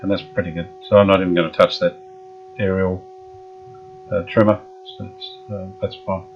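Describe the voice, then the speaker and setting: Step by step, a low-voiced Australian man narrates his restoration of an old radio at a moderate pace, musing aloud in a laid-back way with many fillers. The dull, lo-fi workshop recording carries a little hiss or hum.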